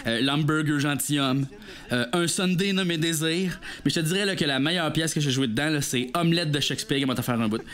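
A man with a Québécois accent playing a boastful, halting actor in a mock interview. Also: on the high side, fairly bright tone. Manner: boastful, halting, lots of fillers. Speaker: comedy sketch performer.

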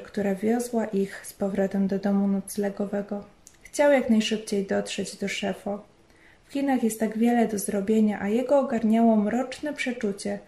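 A woman narrating a story in a measured, storytelling manner. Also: medium pitch, mellow. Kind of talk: scripted narration. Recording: roomy echo.

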